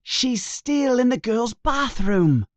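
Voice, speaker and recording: A man's voice: very high voice, animated, slow, no echo, pitched above the performer's own voice, full character voice. A man voicing a brave young boy wizard in a storybook reading, speaking in an urgent, raised voice. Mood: alarmed.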